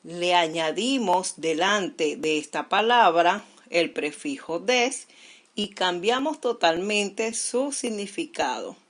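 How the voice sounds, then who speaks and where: Middle-aged woman teacher from Venezuela, unhurried and deliberate, leaning on each syllable. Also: on the low side, lively intonation, fairly bright tone. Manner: slow, deliberate explaining, stressing syllables. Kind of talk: recorded language lesson.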